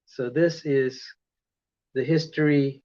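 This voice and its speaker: Here a man's medium-pitched voice comes across slow, fairly even, and a little mellow. A Filipino with an American accent, he rambles chattily as a livestream lecturer, often correcting himself, and the audio is dull and lo-fi.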